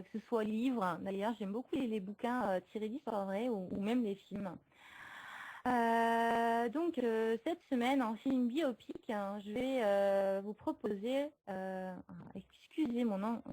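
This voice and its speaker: Chatty and hesitant, a streamer fills her movie talk with fillers, frequent laughter and replies to viewer comments. Her voice is medium-pitched and warm. The recording is rough.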